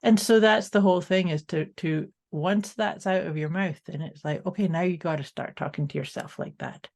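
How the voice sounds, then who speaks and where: A woman's voice: lowish voice, moderate pace, darkish tone. Woman, podcast co-host, upbeat, encouraging, casual motivational talk. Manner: upbeat, encouraging, talks in lists of tips.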